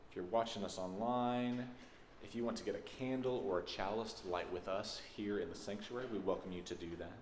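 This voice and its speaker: A Texas-accented minister welcomes his congregation in an easygoing, folksy way, speaking a little fast in a lowish, steady voice. The recording comes from a large indoor sanctuary and is echoey, with noise in the background.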